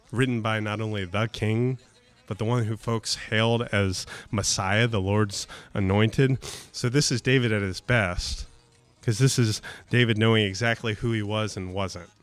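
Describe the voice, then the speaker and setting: A male pastor giving a sermon in a conversational way, with casual fillers, rising to emphatic bursts and dropping to soft, slow asides. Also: fairly low pitch.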